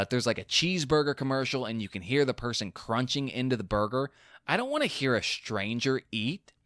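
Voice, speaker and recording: A man hosting a solo sports podcast, talking fast in animated rants, his mouth going dry. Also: mid-range voice, smooth, no room sound. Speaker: podcast host.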